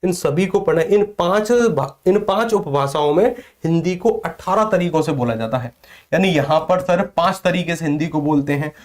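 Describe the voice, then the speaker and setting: A male teacher from northern India leads an exam coaching class in a slightly high voice. He asks the class a question, gives the answer himself, and drills the key point again and again. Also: normal speed. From Vrindavan area, northern India. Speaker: Hindi teacher.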